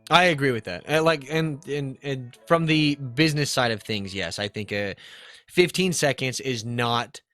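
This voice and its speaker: A young man in his late twenties hosts a laid-back livestream podcast, talking in a loose, rambling way and greeting viewers by name. His voice has a crisp, bright edge, and faint music plays behind him. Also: medium pitch, normal speed, dry recording. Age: 20s. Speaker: podcast host. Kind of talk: casual livestream chat.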